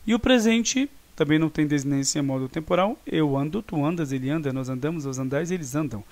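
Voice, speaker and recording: A man's voice: fairly high pitch, lively intonation, brisk, a little mellow. A Brazilian man teaching a grammar lesson online, explaining patiently and often checking in with his students. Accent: Brazilian Portuguese.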